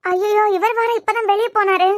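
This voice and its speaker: A woman's voice: extremely high pitch, steady tone, a little fast, no echo, clean studio sound. A woman voicing chatty young women in a family cartoon, fussing with gossipy asides, with a Kanyakumari Tamil accent. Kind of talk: cartoon web series voice acting.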